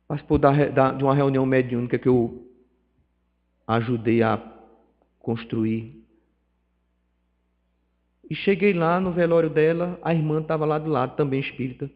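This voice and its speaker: A man's voice: medium pitch, moderate pace, pauses often. A man with a Pernambuco accent giving a spiritist lecture, telling stories with acted dialogue and emotional swells. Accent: Pernambuco Portuguese. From Northeast Brazil. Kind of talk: lecture at a spiritist study group. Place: meeting hall of a spiritist centre. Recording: dull, reverberant hall recording.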